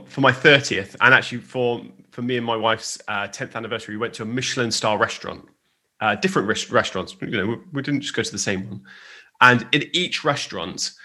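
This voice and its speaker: A man's voice: medium pitch, bright, forceful tone. A man co-hosting a casual podcast chat, rambling through stories with many restarts and asides. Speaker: podcast co-host on church leadership.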